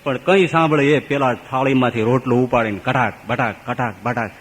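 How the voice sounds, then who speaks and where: A male swami tells a sacred story in a sermon, with sudden swings from loud, raised lines to hushed asides. His voice sits at an ordinary middle pitch. A long reverb from the hall hangs behind every phrase. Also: steady tone, fairly quick. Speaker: swami preacher.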